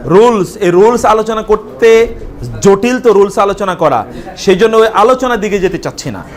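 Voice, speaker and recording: A man with a Bangladeshi accent teaching a live Arabic class, explaining slowly and repeating each word for his students to answer. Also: high voice, expressive.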